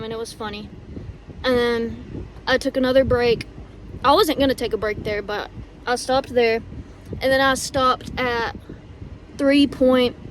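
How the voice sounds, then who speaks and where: A woman's voice: a little high, noisy background. A woman chatting casually and candidly to the camera in a rambling, informal running vlog. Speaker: running vlogger.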